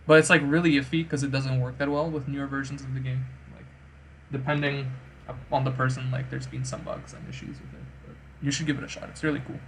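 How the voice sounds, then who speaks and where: A man's voice: medium pitch, little pitch movement, quick pace, fairly bright tone, a little hiss or hum, rough recording. A man hosting an online gaming event, chatting casually and giving players instructions. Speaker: community game event host. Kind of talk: casual game event chat and organizing. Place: online voice chat during a game.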